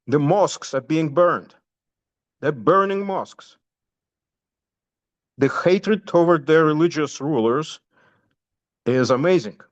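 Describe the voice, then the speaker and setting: A man with a Russian accent giving a spoken update on current events, halting often with fillers and restarts. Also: on the high side, dull audio. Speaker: guest commentator.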